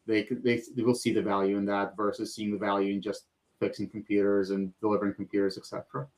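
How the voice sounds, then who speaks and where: A man's voice: fairly low pitch, little pitch movement, quick pace, a little mellow, low-quality recording. A man co-hosting a casual panel chat over a video call, talking conversationally and voicing what one would say to clients. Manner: conversational, many fillers and quoted client talk. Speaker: co-host.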